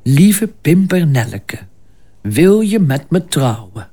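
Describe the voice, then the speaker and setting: A narrator voicing a proud young male knight who speaks slowly and grandly in a storybook. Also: mid-range voice, very animated, dark tone, breathy edge, exaggerated voice. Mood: courtly.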